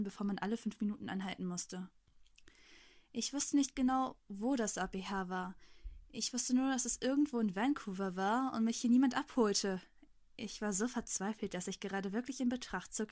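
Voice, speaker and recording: Woman reading a story out loud, kinda high voice, very dry close sound. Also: no room sound. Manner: expressive first-person storytelling.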